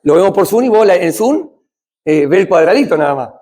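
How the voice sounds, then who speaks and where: Husky-voiced Argentine man preaching. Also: high voice, animated, a little fast. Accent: Rioplatense Spanish. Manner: conversational, asks the audience questions, swings between loud and hushed. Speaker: addiction recovery speaker. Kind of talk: church talk on addiction.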